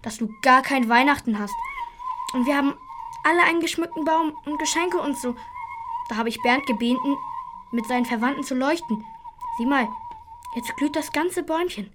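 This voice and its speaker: A woman plays a stubborn little boy in a children's radio play, high-pitched and insistent. He repeats his points and digs in his heels. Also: moderate pace, long pauses, over music, natural voice. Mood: tender. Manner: indignant, insistent, repeats himself. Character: stubborn, kind-hearted young boy.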